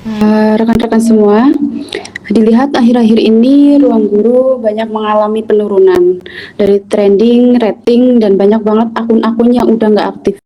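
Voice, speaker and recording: A young woman speaks loudly and emphatically as she raises a problem. Her tone is mellow and dark, despite her higher pitch. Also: fairly even intonation, normal speed, low-quality recording. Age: young adult.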